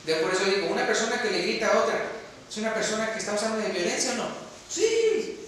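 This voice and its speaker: High bright preacher in an echoey hall. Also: male voice, big pitch swings, fast talker, slight background noise. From Mexico. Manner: emphatic, asks the congregation questions and answers them. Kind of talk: sermon. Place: church hall. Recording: very echoey hall, mic far off.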